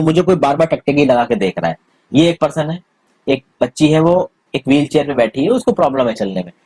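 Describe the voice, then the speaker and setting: A man's voice: a little high, darkish tone, no echo. A man teaching a civics lesson, explaining step by step and asking if students follow. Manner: explains step by step, checks understanding with questions. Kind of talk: Hindi-English civics lesson.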